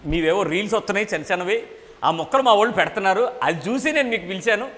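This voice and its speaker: A nervous, timid male pastor, put on by a preacher, pleading in a quieter, lower voice and hurrying through his words. His voice rings out with a long hall echo. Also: animated, rapid-fire. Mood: anxious pleading. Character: timid anxious male pastor afraid of transfer.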